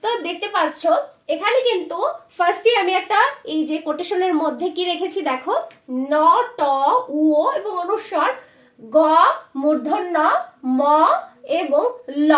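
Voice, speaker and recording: A woman teacher giving a patient spelling lesson at a board, repeating each word slowly for her learners. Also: very high voice, roomy sound.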